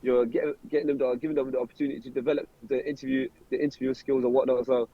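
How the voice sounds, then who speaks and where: A man's voice: mid-range voice, level tone, rapid-fire, lo-fi sound. A man, a professional boxer chatting casually in an interview, rambling and repeating words as he starts sentences. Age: 20s.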